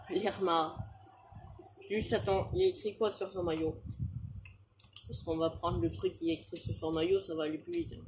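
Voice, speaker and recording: A young French man commentating a football video game he is playing, rattling off player names and shouting at big chances. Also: high voice, vocal fry, noisy background. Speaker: gaming YouTuber.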